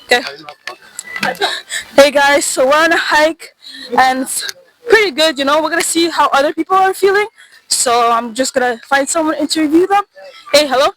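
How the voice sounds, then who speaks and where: A woman's voice: high voice, normal speed, pauses often, a bit bright, poor audio. A young woman chatting casually as a student vlogger, interviewing people on a hiking trail and laughing often between questions. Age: young adult. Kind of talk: casual chat. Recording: outdoor recording with clear background noise.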